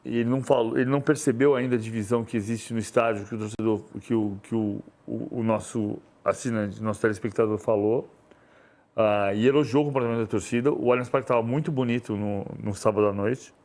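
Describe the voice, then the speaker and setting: A man's voice: on the low side, fairly even intonation, fairly quick, darkish tone. A Brazilian man talking as a sports commentator in a studio debate, rambling and repeating words as he thinks. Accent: Brazilian Portuguese.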